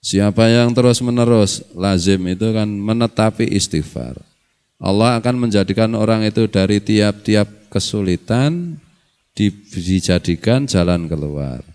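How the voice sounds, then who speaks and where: A middle-aged Javanese-accented man leads a relaxed religious study session, his voice sitting fairly low. He teases his listeners and laughs easily, and he slips into Arabic recitation between plain remarks. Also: measured pace, clear, resonant tone. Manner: jokey, laughs often, mixes local and Arabic phrases. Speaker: Islamic scholar teaching a study circle. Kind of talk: casual religious lecture.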